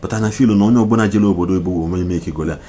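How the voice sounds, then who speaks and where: Deep-voiced man, impassioned commentary. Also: rapid-fire, mellow, slight background noise. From Nigeria. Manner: mixes Igbo and English, repetitive, emphatic. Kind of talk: impassioned social media commentary.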